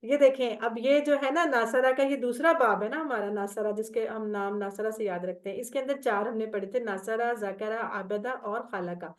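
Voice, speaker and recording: A woman's voice: a little high, normal speed, few pauses. A woman teaching Quranic Arabic grammar in an online class, patient and step by step, reciting verb tables. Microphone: video call.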